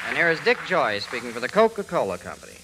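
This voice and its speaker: A man hosts an old radio comedy show, introducing the acts briskly in a lively, bouncing voice. A loud live audience and heavy hiss sit behind him. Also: medium pitch, over a noisy crowd. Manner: brisk announcer-style introductions. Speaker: bandleader and show host. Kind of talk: 1940s radio comedy hosting.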